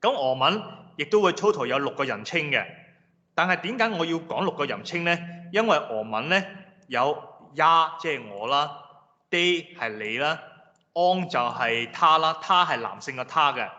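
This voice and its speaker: A man lecturing a class in a patient, explanatory way, slowly repeating example words. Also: on the high side, lively intonation, bright, forceful tone. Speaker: language lecturer. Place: lecture room. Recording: reverberant hall, dull lo-fi sound.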